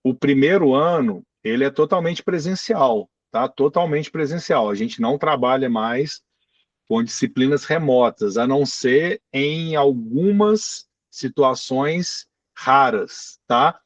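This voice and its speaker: A man's voice: medium pitch, takes it slowly, no echo. A man, a professor, walks listeners through admissions rules in an online session. His voice comes through dull and distant, the room dry. He keeps checking that everyone follows. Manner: explanatory, often checking in with "tá?". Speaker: professor presenting a graduate admissions process. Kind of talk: online info session, answering questions. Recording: dull distant video-call audio.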